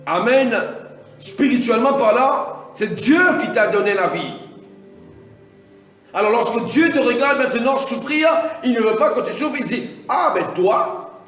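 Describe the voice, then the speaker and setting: A man preaching a Pentecostal sermon, repeating himself and punctuating his lines with alleluia, now and then building to shouts. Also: very high voice, expressive, unhurried. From Mauritius. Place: large church hall. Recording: echoey hall from far off, faint music.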